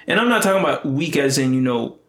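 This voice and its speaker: A man's voice: mid-range voice, animated, fast talker, a bit bright. Blunt, profane man in casual podcast chat. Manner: blunt, profane, dismissive opinions. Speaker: podcast co-host.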